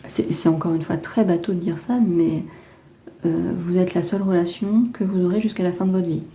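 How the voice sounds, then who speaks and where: Dark-toned chatty French woman reading tarot. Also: on the low side, fairly even intonation, brisk, slight background noise. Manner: chatty, hesitant with many fillers and restarts; gentle, reassuring advice. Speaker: tarot card reader. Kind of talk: casual spoken tarot reading.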